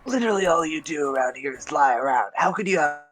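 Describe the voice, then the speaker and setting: A man's voice: fairly high pitch, lively intonation, fast, a bit bright, faint music behind. A man playing a haughty, skeptical adventurer in a tabletop game, speaking in a mock-formal, condescending way. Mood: skeptical, scornful.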